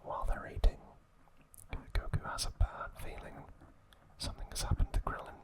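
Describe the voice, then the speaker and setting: A recap comes in a man's hushed ASMR whisper, slow and unhurried, broken up by deliberate pauses.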